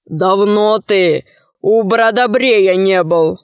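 A woman voicing a stern young male warrior hero in a storybook reading, slow and menacing. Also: medium pitch, clear, resonant tone, no echo, studio quality.

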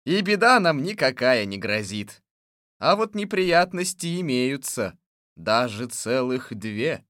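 An actor playing a calm young man who reports news from inside a magic mirror. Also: medium pitch, slow pace, no room sound, clean studio sound.

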